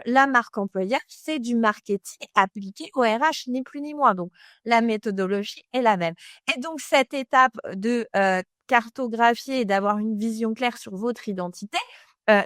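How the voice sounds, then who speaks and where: A woman's voice: fairly high pitch, dry recording, clean studio sound. A woman consultant explaining employer branding in a direct, casual way, talking straight to the listener with frequent fillers.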